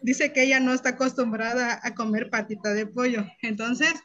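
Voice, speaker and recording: A woman, a host mother, telling anecdotes in an animated way and acting out the voices of people she quotes. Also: a little high, moderate pace. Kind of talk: storytelling anecdotes. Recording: dull lo-fi sound.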